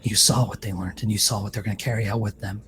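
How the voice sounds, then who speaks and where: A man's voice: lowish voice, steady tone, quick pace, fairly bright tone, close to an everyday voice. A man voicing a frightened woman contact who whispers and hisses urgently over the phone. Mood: pleading, urgent.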